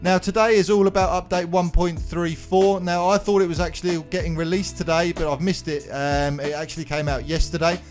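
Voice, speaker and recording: A video game channel host voices a gaming tutorial casually, with music playing behind him. His voice is on the high side and level, fairly quick with hardly any pauses, and slightly numb-mouthed as if after dental anaesthetic.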